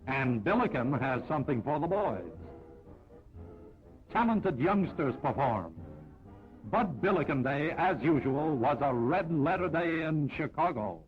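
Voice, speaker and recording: A man narrating an old 1940s newsreel in a brisk, upbeat announcer style. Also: a little high, lively intonation. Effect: old newsreel sound. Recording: dull lo-fi 1940s film audio with music.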